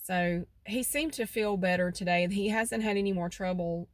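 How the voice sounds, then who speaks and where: Standing outside near her house, a middle-aged woman with a central North Carolina accent chats folksily in a casual vlog, rambling along with a slightly stuffy nose. Her mid-range voice keeps a normal speed, and the sound is dry and clean, like a studio recording.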